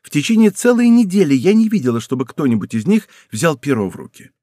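Male reader doing a lively young court lady for an audiobook; excitable, raised pitch. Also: fast, dry recording. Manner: excitable, exclaiming, higher put-on pitch. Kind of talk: audiobook character voice.

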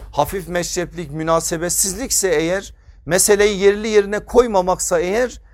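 This is a man giving a sermon from behind a pulpit microphone. His voice sits high, and he drives his points home with emphasis. He asks rhetorical questions and then answers them himself. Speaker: preacher.

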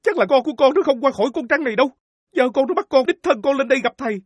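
A woman playing an anxious rural father who pleads quickly. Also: high-pitched, expressive, no room sound. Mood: pleading.

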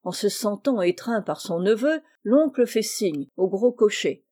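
A woman narrating a classic children's story as an audiobook, in a measured, expressive manner. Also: medium pitch.

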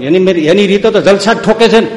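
A man's voice: sits high, fast talker, darkish tone. A man giving a spiritual discourse, telling stories and firing off sarcastic, humorous rhetorical questions. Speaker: preacher. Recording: echoey hall.

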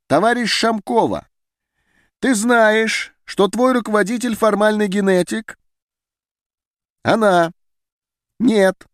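A man's voice: sits high, no room sound, studio quality, voice pushed up, heavily acted. A man reading an audiobook, voicing a heated, defiant male scientist who argues in declamatory outbursts. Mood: indignant. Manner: heated, declamatory, rising to shouts. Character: agitated male geneticist defying a meeting. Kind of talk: audiobook character voice.

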